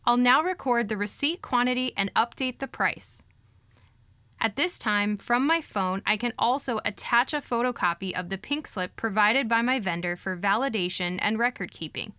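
A woman walks through a software demo in a scripted, even, instructional voice-over. Her tone is bright and somewhat high, recorded dry and close with no room sound. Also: moderate pace, no echo. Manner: even, clear instructional delivery. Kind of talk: scripted product walkthrough narration.

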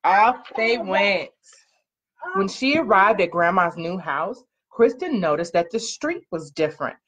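With a mid-range, fairly bright voice and lively intonation, a woman reads a storybook at a measured pace to children, parent-style, from a small living-room couch. She emphasizes key words by drawing them out and prompts the kids with questions, and the webcam or laptop mic at arm's length yields muffled, lo-fi sound.

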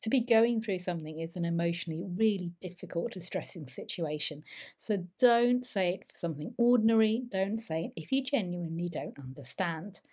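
A woman teaching exam speaking skills to camera, lively and emphatic as she gives advice. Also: fairly low pitch, fairly quick.

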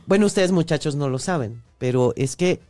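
A woman's voice: low-pitched, brisk, no echo, soft background music. A young woman with a Mexican accent, a podcast guest telling stories in casual chat and acting out the voices of the people in them. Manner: lively, animated storyteller who acts out voices. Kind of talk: casual drunk storytelling.

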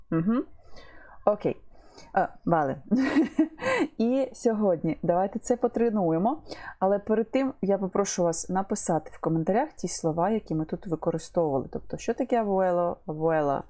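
A woman teaching an online language lesson, explaining patiently, repeating words and pausing with fillers. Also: on the low side, mellow.

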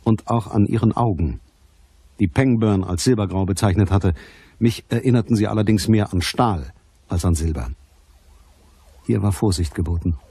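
An actor with a low, husky, warm voice narrates a scripted first-person crime radio drama as its hard-boiled private detective lead: cool, watchful and unsentimental. He speaks at a normal speed with long pauses, telling the story tersely and matter-of-factly in a dry recording, his mood watchful and cool.

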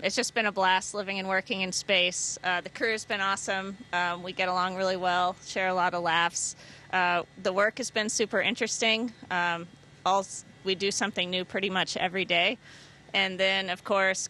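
A woman's voice: fairly low pitch, level tone, normal speed, pushed and bright, low-quality recording. An American woman astronaut from Houston giving casual interview answers into a handheld microphone. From Houston, United States. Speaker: astronaut, flight engineer. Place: inside a space station module. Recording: clear equipment noise behind voice.

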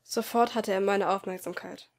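A woman narrates a first-person story in a soft, subdued voice, often sinking toward quiet. Her reading stays emotional and earnest, with an ordinary mid-range pitch. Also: fairly even intonation, normal speed. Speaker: audiobook reader.

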